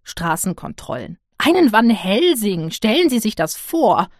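An indignant, fussy older official, as a woman puts her on for an audiobook, her voice lifted higher and pushed louder than the narration. She scolds in animated bursts, dry and close to the mic. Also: moderate pace, no echo, close to an everyday voice. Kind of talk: audiobook character voice.

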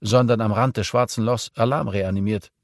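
Ein Mann spricht in einem Hörbuch einen jungen Hacker, trocken und konzentriert. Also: male voice, on the low side, steady tone, moderate pace, dry recording, clean studio sound, pitched above the performer's own voice, natural voice. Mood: nüchtern. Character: young male hacker, wry and focused.

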